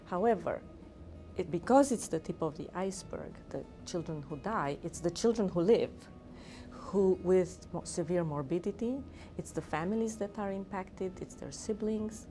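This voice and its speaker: A woman's voice: on the low side, moderate pace, dark tone, faint music behind. A middle-aged woman from Romania, a physician and researcher, speaking earnestly in an interview with fillers and restarts. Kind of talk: interview talk.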